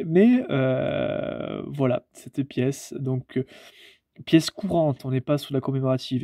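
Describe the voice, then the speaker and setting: A young man with a French accent presenting a coin in a relaxed, hesitant way with many fillers. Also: mid-range voice, dry recording. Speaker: coin collector YouTuber.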